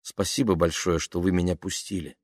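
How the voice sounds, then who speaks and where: A man reading an audiobook, voicing a playful nineteen-year-old female student who talks softly and coaxingly. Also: low voice, steady tone, brisk, dry recording, clean studio sound.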